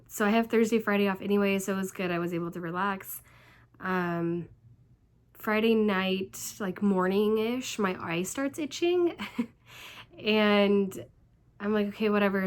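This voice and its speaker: A vlogger with laryngitis and a cold speaks in a hoarse, stuffed-up voice of middling female pitch. She rambles chattily through a casual storytelling vlog, peppering it with plenty of "like" and "um."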